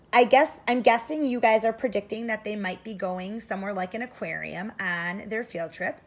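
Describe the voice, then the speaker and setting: A first-grade teacher leads an interactive read-aloud, thinking aloud expressively and speaking directly to her young listeners. Her voice sits in the mid range with a slightly bright quality.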